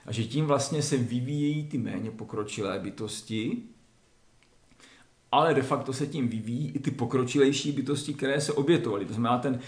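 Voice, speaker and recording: A man lectures on scripture, laying out his points one by one and pausing often to clear his throat. His voice sits at an ordinary middle pitch. The recording carries a noticeable room echo. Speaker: lecturer on esoteric Christianity. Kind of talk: spoken lecture with Bible reading. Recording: roomy echo.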